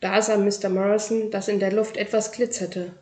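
A woman's voice: mid-range voice, little pitch movement, moderate pace, mellow. Woman reading a children's story. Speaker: audiobook reader. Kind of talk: children's book narration. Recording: roomy echo.

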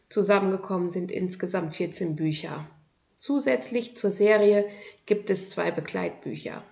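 A woman presenting a children's book series and reading from it aloud, in a calm, clear, measured way. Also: mid-range voice.

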